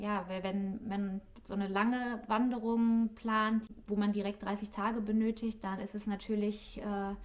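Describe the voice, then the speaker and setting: In her living room, a YouTube vlogger gives a casual, friendly explainer straight to camera, searching for her words as she goes. Her voice is mid-range and a little mellow.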